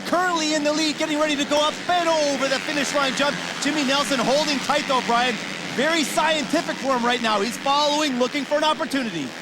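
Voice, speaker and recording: A man calling a motocross race play-by-play in excited live commentary. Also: very high voice, fast talker. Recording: loud engine noise behind voice. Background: motorcycle engines.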